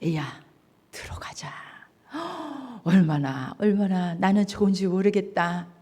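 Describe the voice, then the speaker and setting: A woman doing a soft-spoken loving old father. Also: medium pitch, animated, slow, breathy edge. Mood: pleading. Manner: soft, hushed, tender coaxing.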